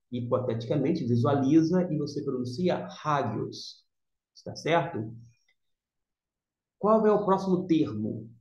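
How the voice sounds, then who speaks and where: A man teaching a vocabulary lesson from slides, explaining slowly step by step and repeating key words. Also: a little high, darkish tone. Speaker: Greek teacher. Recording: roomy, dull lo-fi sound.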